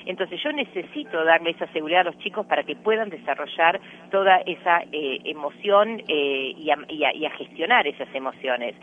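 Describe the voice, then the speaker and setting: A man with a Rioplatense Spanish accent and a notably high-pitched voice explains parenting ideas in an earnest, lecturing way. He is a radio interview guest, heard over a thin, tinny phone line. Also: a little fast, hardly any pauses.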